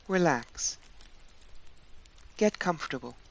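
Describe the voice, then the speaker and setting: Slow, soothing woman guiding a meditation. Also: low-pitched, gravelly. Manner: slow, calm, soothing delivery with long pauses. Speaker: meditation guide and channel host. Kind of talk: guided meditation narration.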